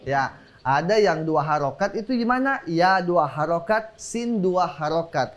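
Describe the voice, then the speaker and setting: This religious teacher on a TV show has a fairly high voice with lively intonation and an unhurried delivery, though the recording is muffled. Working with children in the studio, he quizzes them, runs call-and-response, and keeps encouraging them with frequent exclamations of praise.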